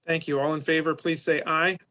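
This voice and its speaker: A man's voice: a little high, little pitch movement, fairly quick, sharp tone. A man speaking as board president, running a meeting with formal procedural phrasing.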